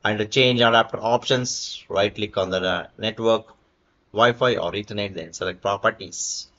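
A man's voice: lowish voice, normal speed, fairly bright tone, muffled recording. A man narrating a screen-recorded tech tutorial, reading an article aloud with fillers and small slips.

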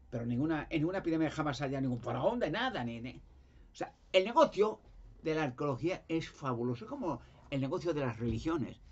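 A man's voice: mid-range voice, a little mellow, breathy edge. A man talking in a rambling, emphatic monologue, stumbling over and repeating his words. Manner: emphatic, repetitive, restarts words. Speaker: conspiracy talk guest. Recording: dull lo-fi sound.

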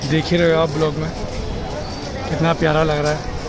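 A man's voice: on the high side, monotone, fairly quick. A man walking through a busy market and chatting to viewers as his friends in a casual travel vlog. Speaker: travel vlogger. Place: busy outdoor street market. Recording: noisy crowded street, outdoor camera mic. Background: crowd chatter and traffic.

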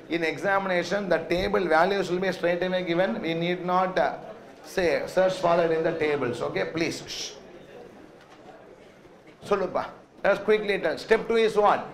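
A man's voice: sits high, roomy sound. A middle-aged man with a South Indian Tamil accent, lecturing a class, repeating phrases and checking with rhetorical questions. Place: indoor classroom, talking to students.

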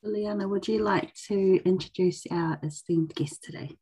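A woman's voice: mid-range voice, normal speed, warm tone, breathy edge. A young woman casually presenting as host of an online session. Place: indoors on a video call.

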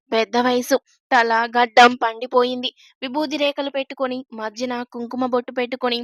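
High-voiced woman reading a Telugu-style storybook tale. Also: fairly bright tone, no echo. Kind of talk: storybook narration.

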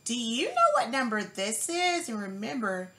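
A woman's voice: on the high side, wildly swooping pitch, pushed and bright. A woman teaching a child to count, speaking as an encouraging teacher who asks questions and gives praise. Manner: slow, deliberate counting aloud.

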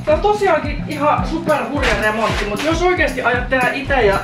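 A woman in her twenties vlogs her DIY renovation, chatting into a handheld camera in a bare room, mocking herself and swearing casually. Her voice is high and expressive, and the camera mic catches an echoey empty room with background music.

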